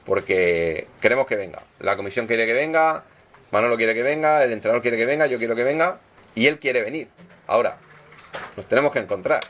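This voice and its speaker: A man's voice: medium pitch, a bit bright. A man speaking as a football club executive at a press conference, explaining deals and signings and ending his points with tag questions.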